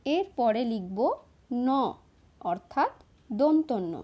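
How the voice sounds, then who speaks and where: A woman, slowly and patiently explaining each step of writing letters to children. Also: high voice, big pitch swings, lo-fi sound. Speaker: teacher. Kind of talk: handwriting lesson for children.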